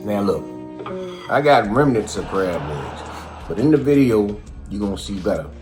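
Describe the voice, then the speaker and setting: American man, animated intonation, casual video host, colloquial and folksy, light music behind. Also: lowish voice, moderate pace. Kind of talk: casual how-to vlog chat.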